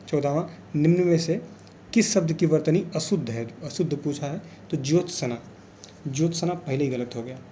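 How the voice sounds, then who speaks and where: A man leading an exam revision lesson, speaking patiently and going back over key words. His voice sits a little high for a man but sounds dark and mellow. There is a faint hiss of room noise behind him. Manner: explains patiently, repeats key words, keeps saying "theek hai". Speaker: teacher.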